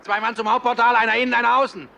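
Older male Prussian captain, gravelly drill-sergeant bark, raised high pitch, noisy old film sound. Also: level tone, very fast, dull audio. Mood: curt, commanding. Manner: German drill sergeant bark, curt orders. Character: ageing self-appointed Prussian army captain, curt, commanding. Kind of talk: period military film acting. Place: outdoors on street, film microphone.

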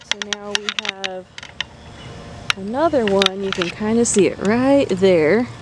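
This is a woman vlogger's relaxed walking tour of her backyard vegetable garden, plant by plant, shot outdoors on a handheld phone camera while she moves. Her voice sits in the mid-range and runs a little slow, with background noise present.

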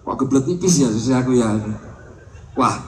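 A man's voice: mid-range voice, moderate pace, darkish tone, slight background noise. A man, a guitarist doing rambling, self-mocking stage banter between songs while he has a cold. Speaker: guitarist performing live. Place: live concert venue. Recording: roomy, distant live recording.

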